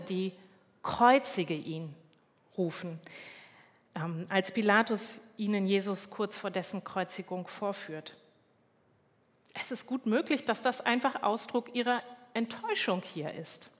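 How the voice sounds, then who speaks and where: A woman preaches a sermon at an unhurried pace, calm and measured, stopping now and then to correct herself. Her voice rings out with the long reverb of a large church hall. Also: fairly high pitch. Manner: calm, measured, with small slips and self-corrections.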